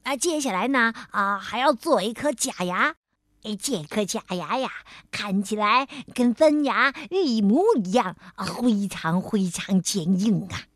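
A woman's voice: mid-range voice, animated, measured pace, no echo, studio quality, voice pushed down. A woman voicing a cheerful, proud male beaver dentist in a children's story, drawling with many fillers. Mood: explaining. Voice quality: drawling, filler-heavy speech.

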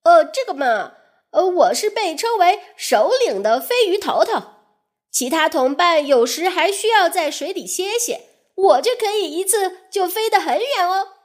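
A woman's voice: high voice, very animated, pitched above the performer's own voice. Woman doing a boastful flying fish chief. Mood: proud. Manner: loud, quick, boastful. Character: proud boastful flying fish leader, male.

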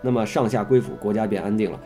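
A man's voice: on the low side, fast talker, music in the background. A man reading a classical history text aloud, stopping now and then to ask questions and add his own comments.

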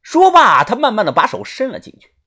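Audiobook narrator, husky voice, very lively pitch, dramatic read. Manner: dramatic, with drawn-out particles. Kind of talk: audiobook storytelling.

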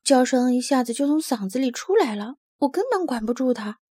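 A woman voicing a hot-tempered little male sled-dog puppy in a storybook reading, loud, whiny and impatient. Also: high voice, lively intonation, brisk, husky, dry recording, clean studio sound. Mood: sulky.

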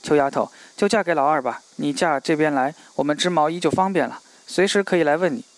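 A man's voice: on the high side, fast, no room sound, close to an everyday voice. A man reading the lines of a chatty woman teacher who teases a young girl. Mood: teasing.

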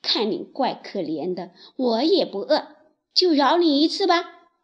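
A woman voicing a big proud male lion in a children's story, speaking in loud shouts. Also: high voice, big pitch swings, measured pace, lo-fi sound. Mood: scornful.

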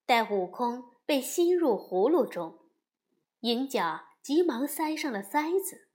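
A woman narrating a classic storybook tale with a slow, expressive reading. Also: high-pitched.

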